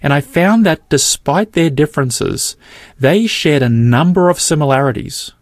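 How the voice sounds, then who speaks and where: A middle-aged man narrating his own podcast in a measured, earnest storytelling manner. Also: fairly high pitch, expressive, no room sound, studio quality. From Australia. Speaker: podcast host. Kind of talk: scripted narration.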